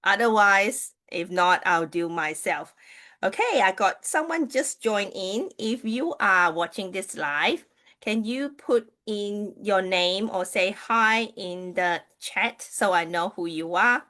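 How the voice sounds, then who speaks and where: A Malaysian woman whose first language is Mandarin Chinese hosts a casual livestream as a Chinese astrology reader, chatting with viewers through many fillers and restarts. Her mid-range voice is animated, bright and forceful, and she takes her time.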